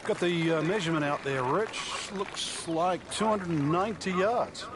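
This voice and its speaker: A man's voice: fairly high pitch, moderate pace, close to an everyday voice. A man playing an easygoing television golf commentator, giving conversational analysis for a video game. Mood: relaxed analysis. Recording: loud outdoor ambience noise.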